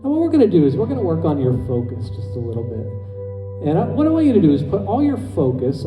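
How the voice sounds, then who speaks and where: A man speaking as a stage hypnotist, slowly and soothingly guiding volunteers through a relaxation induction. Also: fairly high pitch. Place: stage in a hall with an audience. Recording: echoey hall, far from mic, music behind. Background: soft background music.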